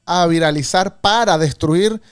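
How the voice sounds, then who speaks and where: A man's voice: sits high, measured pace, clear, resonant tone. A Venezuelan man in a casual group discussion who speaks emphatically and repeats his points.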